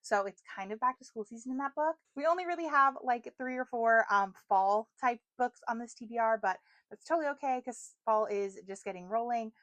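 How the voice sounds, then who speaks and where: A woman's voice: fairly high pitch, brisk, hardly any pauses, fairly bright tone, dry recording. A young woman vlogging about books in a chatty, rambling way, full of fillers, recorded on a phone. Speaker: book vlogger. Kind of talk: casual chat.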